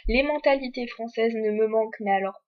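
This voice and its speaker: A woman's voice: on the high side, brisk, lo-fi sound. A woman from France talking candidly in a casual personal vlog, with hesitant fillers between thoughts. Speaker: vlogger.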